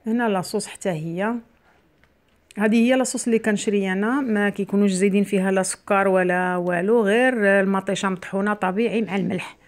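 A woman's voice: mid-range voice, fairly even intonation, fast talker. A middle-aged woman with a Moroccan Arabic accent hosts a casual cooking vlog in her home kitchen. She talks to the viewers as she cooks and explains each step to them. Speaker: cooking channel host. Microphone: camera near the worktop, speaker mostly off frame.

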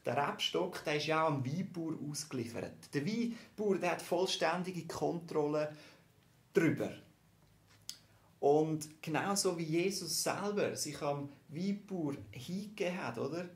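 A young pastor preaches in German with a Swiss accent. His voice sits a bit high with a gravelly, fry-edged texture. He drives his points home with lively rhetorical questions, and the echoey church room rings around every word. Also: unhurried. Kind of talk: sermon. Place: church hall.

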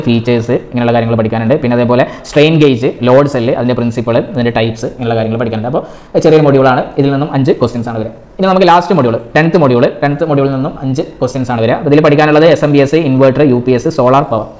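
A male teacher walks through an exam syllabus, listing topics briskly with frequent filler sounds. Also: medium pitch, a little mellow. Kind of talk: syllabus walkthrough lesson.

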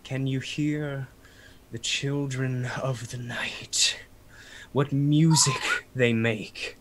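A man voicing a sly, menacing male vampire lord who taunts slowly and drops into whispers. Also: on the high side, very animated, a little hiss or hum. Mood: gloating. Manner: mocking, slow, dropping to whispers.

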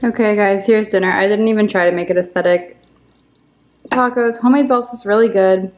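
A woman's voice: mid-range voice, steady tone, brisk. A young woman in her twenties chatting casually to camera at home, rambling and self-deprecating with lots of ums and likes. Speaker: lifestyle vlogger. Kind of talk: casual vlog chat to camera. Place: at home, apartment.

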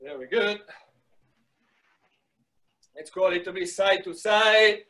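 High-voiced man coaching a slow-paced workout. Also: sharp tone. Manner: short repeated commands and encouragement. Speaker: soccer fitness coach. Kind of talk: live workout instruction. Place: small wood-panelled indoor room. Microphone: device mic a few metres away.

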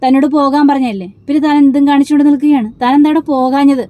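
A woman's voice: high voice, steady tone, racing, mellow, lightly acted. Woman doing a stern police inspector. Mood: harsh. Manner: harsh, ordering.

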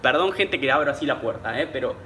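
A man's voice: mid-range voice, expressive, fast talker, bright, forceful tone, reverberant, a little hiss or hum. A man with a Rioplatense Spanish accent hosts a live cooking stream, chatting as he cooks and greeting viewers by name. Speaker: cooking channel host. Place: small home kitchen.

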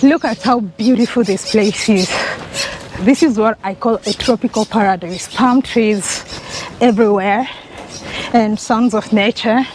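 Her medium-pitched, slightly mellow voice runs a little slow as this young Kenyan travel vlogger, Kenyan accent and all, chats brightly to her arm's-length action camera. She's walking a sunny residential street, and the poor audio carries slight background noise.

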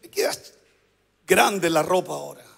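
A pastor delivering a sermon, prompting the congregation to repeat phrases back to him. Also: male voice, fairly high pitch, animated, normal speed, vocal fry, a bit bright, breathy edge, big-room sound. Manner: preaching with call-and-response prompts to the congregation.

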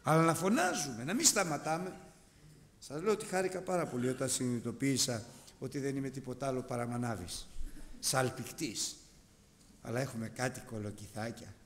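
A middle-aged man preaching a sermon with passion, rising to shouts and dropping to quiet asides. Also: medium pitch, animated, slight background noise. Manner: impassioned, swings between shouting and quiet asides. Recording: long hall reverb.

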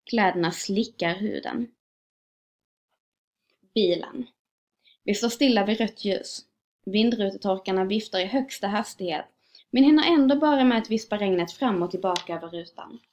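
Woman calmly reading a short story. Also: medium pitch, long pauses. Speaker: reader. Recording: dull lo-fi recording.

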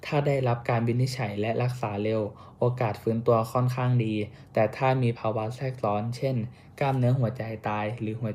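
A man's voice: medium pitch, a little mellow, slight background noise. Young man reading a class report. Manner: careful reading with small slips and restarts. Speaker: student presenter.

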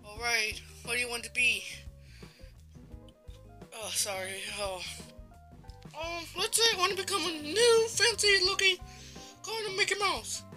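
A woman voicing a vain, excitable male cartoon mouse who squeals and shows off. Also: extremely high pitch, unhurried, long pauses, over music, pitched above the performer's own voice. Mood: eager. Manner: squealing, shrieking, show-off. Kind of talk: hobby character voicing.

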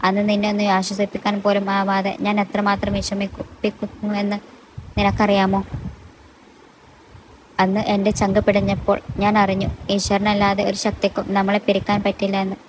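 A woman voicing a devoted young husband in a storybook, speaking earnestly and with gentle teasing. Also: medium pitch, monotone, normal speed, background noise, natural voice. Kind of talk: storybook dialogue reading.

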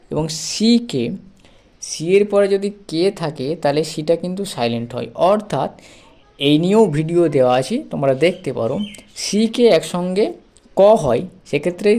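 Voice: medium pitch, a little mellow. A teacher giving a pronunciation lesson to students, spelling words letter by letter, repeating each sound and asking and answering their own questions.

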